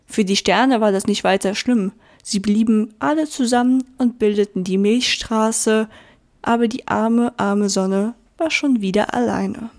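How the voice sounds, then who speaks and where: A woman reading a children's story aloud in a soft, gentle manner, now and then speaking directly to the listener. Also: medium pitch, measured pace.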